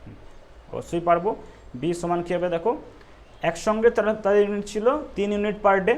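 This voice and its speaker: A male math teacher working through exam problems step by step, often asking the students if it is clear and telling them not to worry. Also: sits high, fairly even intonation, a little fast, a little mellow. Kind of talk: exam-prep math lesson.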